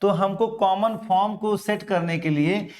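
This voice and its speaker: A man's voice: high voice, unhurried, darkish tone. A middle-aged Indian man teaching an exam-prep grammar lesson, explaining step by step and answering his own questions. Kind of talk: classroom grammar lecture.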